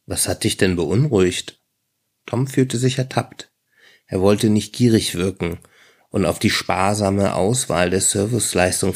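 Brief: male audiobook narrator, low husky gravelly voice, unhurried.

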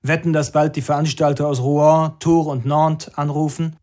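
A man's voice: on the high side, flat delivery, moderate pace, darkish tone, voice pushed up, natural voice. A man voicing a determined young male band leader who speaks tersely and matter-of-factly in an audiobook. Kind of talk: audiobook character voice.

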